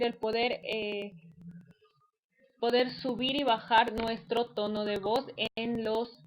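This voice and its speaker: A woman's voice: on the high side, poor audio. Patient woman teaching a class. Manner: patient explanatory tone with frequent "eh" fillers. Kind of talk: online class lecture.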